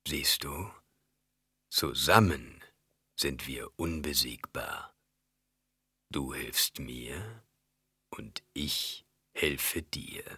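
Sly bloated old baron voice, husky and low, purring slowly, as a man puts it on. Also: lively intonation, bright, forceful tone, dry recording, clean studio sound, exaggerated voice. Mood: oily whisper. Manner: low, oily, drawn-out, sinking to whispers. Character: grossly fat old male baron, sly and wheedling.

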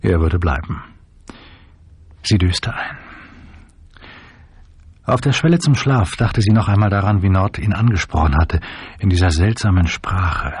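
A man narrating an audiobook in a measured storytelling manner. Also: low-pitched, husky, no room sound.

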